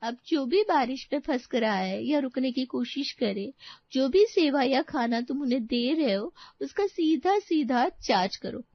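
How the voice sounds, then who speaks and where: A woman's voice: high-pitched, animated, a little slow, dry recording, exaggerated voice. A woman voicing a clever young female friend who teases and bosses her friend around. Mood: teasing. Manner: teasing, bossy. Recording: dry, slightly dull sound.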